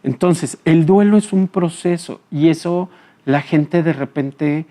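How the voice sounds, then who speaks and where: A man, a psychologist guest explaining things calmly in an interview, often pausing on fillers and checking in with short tag questions. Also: a little high. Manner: frequent filler hesitations.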